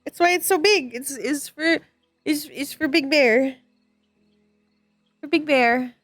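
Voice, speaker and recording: Playful gamer girl on headset: high female voice, slow childlike chatter, dry close sound over faint music. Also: fairly bright tone, no echo. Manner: playful, childlike, repetitive baby-talk phrasing. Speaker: streamer role-playing in a virtual world. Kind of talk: playful gamer chat, in-character role-play.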